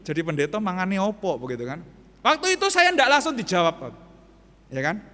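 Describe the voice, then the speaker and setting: Pastor in his 30s, high bright voice, sermon with church hall echo. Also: very animated, a little fast. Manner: storytelling, addressing the congregation directly.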